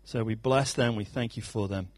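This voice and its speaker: A man leading a church meeting, introducing a guest speaker and then praying, in a relaxed way with many pauses and fillers. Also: on the low side, dry recording. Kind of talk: introduction and prayer.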